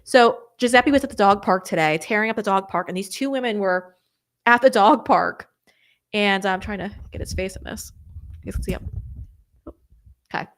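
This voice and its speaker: A young woman hosting a live stream, chatting casually and rambling through viewer comments with quick apologetic asides. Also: medium pitch. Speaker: host of a political live stream.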